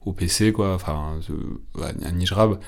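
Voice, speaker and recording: A man's voice: deep voice, measured pace, gravelly. A man interviewing an officer in a casual podcast, prompting him and adding context. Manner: prompting, finishes guest's sentences.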